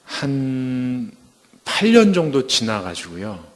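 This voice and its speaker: A man giving a testimony sermon at a church service, telling his story in a lively way and acting out the lines he quotes. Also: medium pitch, slow pace, in a large hall, soft background music.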